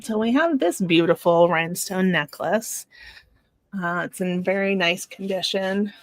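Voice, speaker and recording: Slow, halting woman hosting a live sale. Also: on the low side, no room sound, rough recording. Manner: unhurried, halting, with many fillers and restarts. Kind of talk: casual live-sale chat.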